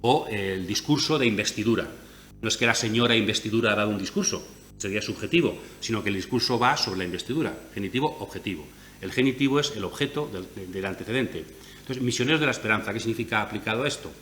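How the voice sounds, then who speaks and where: A man's voice: fast talker, fairly bright tone. A man from Spain with a Castilian accent giving a conference lecture, explaining his points step by step with frequent rhetorical "¿no?" tags. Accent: Castilian Spanish. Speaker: lecturer on biblical theology. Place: conference hall. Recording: echoey hall with faint rumble.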